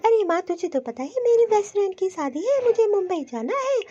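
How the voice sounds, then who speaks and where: A woman's voice: extremely high pitch, big pitch swings, a little fast, warm tone, dull audio. A woman voicing a headstrong young married woman in a cartoon, indignant and sulky. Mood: resentful. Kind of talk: cartoon voice acting.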